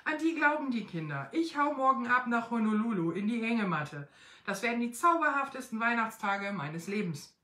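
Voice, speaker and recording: A woman voicing a relaxed, cheerful, slim Father Christmas who wants a holiday, in an echoey room. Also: fairly high pitch, moderate pace. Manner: easygoing, cheerful.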